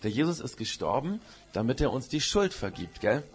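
Husky man telling children a story. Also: mid-range voice, big pitch swings, normal speed. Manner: storytelling to children, asks questions, uses "gell". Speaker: pastor. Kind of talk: children's sermon in church.

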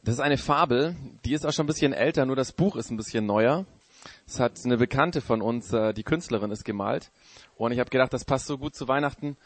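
A man's voice: mid-range voice, a little fast, dry recording. A man explaining a fable in a casual, chatty way, with fillers.

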